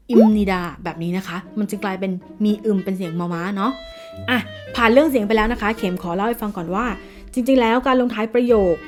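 A young adult woman giving a casual online language lesson, chatting straight to her viewers and calling herself by name. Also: mid-range voice. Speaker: Korean language teacher. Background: background music.

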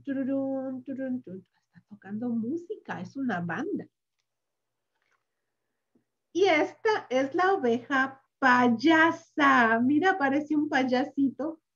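A woman reading a picture book aloud to young children in a slow, sing-song, animated way, adding sound effects and asking the child questions. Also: sits high, lo-fi sound. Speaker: children's story reader.

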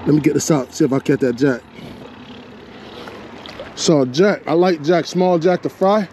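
Talking casually to himself and to the fish, a man fishes from rocky shoreline outdoors while a body-mounted action camera records. This fishing vlogger's voice sits on the high side, a little slow and a little mellow, with slight background noise.

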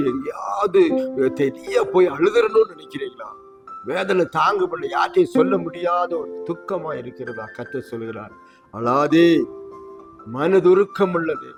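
A man preaching a sermon, his voice rising sharply on quoted words. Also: mid-range voice. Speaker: pastor. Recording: music playing under the voice. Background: instrumental music.

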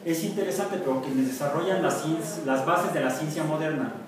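Mexican guy teaching math, kinda high voice, sounds far off in a big echoey classroom. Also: a little fast, background noise. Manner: jokey, asks the class questions. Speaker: university math professor. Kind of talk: classroom lecture. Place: university classroom.

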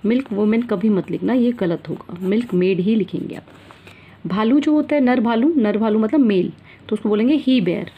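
A woman's voice: on the high side, normal speed, breathy edge, phone-quality sound. An Indian woman teaching an English grammar lesson to children, mixing Hindi and English and often checking that her pupils follow. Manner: mixes Hindi and English, calls pupils "beta", repeats and checks "theek hai na". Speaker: school teacher.

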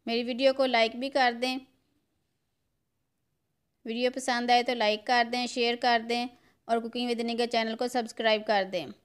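A woman's voice: on the high side, little pitch movement, a little slow, pauses often, smooth. A middle-aged woman, walking viewers through a recipe step by step in her home kitchen. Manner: homely, step-by-step instructions addressed to viewers. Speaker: cooking channel host. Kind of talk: home cooking tutorial narration.

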